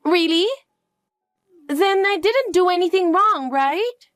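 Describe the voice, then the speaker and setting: A woman putting on a high, clingy little schoolgirl. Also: lively intonation, takes it slowly, dry recording, faint music behind, heavily acted. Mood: scared. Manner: high pleading questions, eager to please. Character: anxious clingy little schoolgirl, elementary age. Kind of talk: one-voice audio drama.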